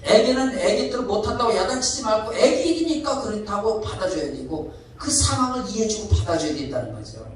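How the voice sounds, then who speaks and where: A man's voice: high voice, big pitch swings, brisk. Guy preaching a sermon, asks the crowd stuff a lot, huge echo in a church, faint room hum. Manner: asks the congregation questions, emphatic. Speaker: pastor. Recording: echoey hall from far off.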